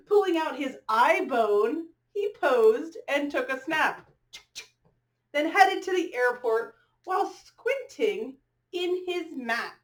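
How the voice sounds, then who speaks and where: Reading a storybook to kids, this female teacher uses a high voice with very lively intonation. She stretches out her lines expressively and turns to the children with questions and asides along the way.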